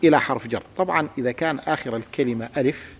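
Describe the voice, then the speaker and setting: A man's voice: mid-range voice, very fast, breathy edge. Man teaching grammar in an echoey room. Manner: patient, step-by-step explanation, has the student repeat words. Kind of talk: classical grammar lesson. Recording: reverberant room with long echo.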